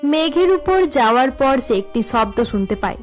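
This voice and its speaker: A woman narrating a cartoon story in an even, measured way. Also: high-pitched, soft background music.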